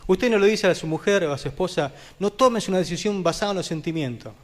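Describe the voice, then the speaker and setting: A man preaching a sermon as pastor, talking vehemently and putting questions to the congregation, with sudden swings from loud high peaks to quiet low drops. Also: animated, fast. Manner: addresses the congregation directly with questions. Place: church.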